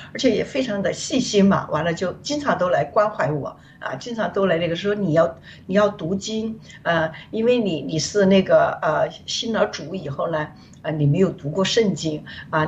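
A woman from China, a guest on a show, giving a rambling, earnest personal testimony of faith over a remote call. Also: normal speed. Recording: distant, dull, faint rumble.

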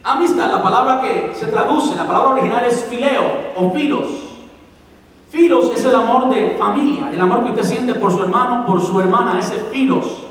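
A pastor preaching a sermon, and he has a very high voice for a man. He explains each point and goes back over it to drive it home. His voice comes from well back from the mic in a church hall with long, ringing reverb. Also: normal speed. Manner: explains points and repeats them for emphasis. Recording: echoey hall, voice from far off.

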